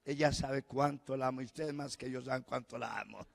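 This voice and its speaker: A middle-aged Colombian man preaching a sermon as pastor, swinging between fervent shouts and hushed, tender passages. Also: mid-range voice, steady tone, brisk, gravelly. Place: large church hall. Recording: long church-hall reverb.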